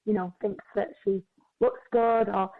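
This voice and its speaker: A chatty twenty-one-year-old woman speaking as a podcast guest, a personal trainer who fills her talk with casual filler words. Her voice sits at an ordinary middle pitch for a woman. The sound is thin and tinny, as if over a phone line. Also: steady tone. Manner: chatty, quick, lots of "like" and "you know".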